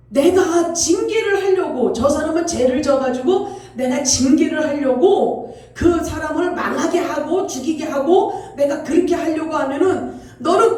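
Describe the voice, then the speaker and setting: A woman voicing satan posing as God, shouting angry threats, recorded from a distance in an echoey church hall. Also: extremely high pitch. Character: menacing false divine voice, satan posing as God.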